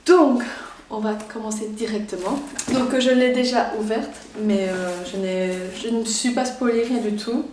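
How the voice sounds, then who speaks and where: A young Belgian woman with a Belgian French accent, chatting excitedly through a casual unboxing vlog. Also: fairly high pitch, a little slow, distant mic, slight background noise. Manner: chatty and excitable, many fillers. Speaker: YouTuber. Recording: echoey room, voice somewhat off-mic.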